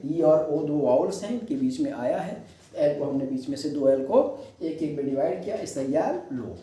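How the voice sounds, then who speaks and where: A male teacher with an Indian English accent, high-pitched and mellow, works patiently through each rule and says it again for his students. He sits back from the mic in a very echoey room. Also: recorded from a distance. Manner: explains step by step, repeats points, mixes Hindi and English. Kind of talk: classroom lesson.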